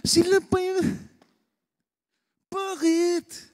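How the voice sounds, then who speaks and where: A man's voice: very high voice, extremely slow. A male pastor with a Filipino accent, preaching a sermon and telling a personal story, mixing Tagalog and English. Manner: animated storytelling, switching between Tagalog and English.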